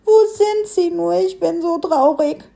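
A woman's voice: very high voice, fairly even intonation, measured pace, creaky, a little mellow, voice pushed up, exaggerated voice. A woman voicing a small, tearful boar piglet who stammers and sobs as it talks. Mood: sobbing. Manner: sobbing, stammering.

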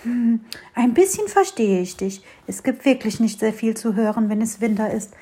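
A woman voicing a small, curious young fir tree in a storybook reading, eager and bright-voiced. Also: a little high, moderate pace, slight background noise, close to an everyday voice.

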